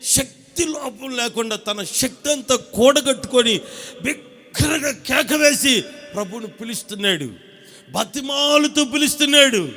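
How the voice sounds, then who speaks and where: High pitched preacher guy going hard at his church, asks the crowd stuff, big echoey hall. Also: bright, forceful tone. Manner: impassioned preaching with rhetorical questions and call-and-response. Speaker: pastor. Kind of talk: sermon.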